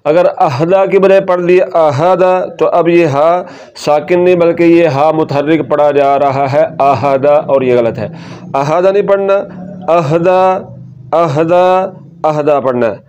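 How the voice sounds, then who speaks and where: A man teaching Quran recitation rules, reciting each word slowly and repeatedly before explaining it in a quick, instructive way. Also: on the high side, a little mellow, clean tone, dull audio. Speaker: tajweed teacher.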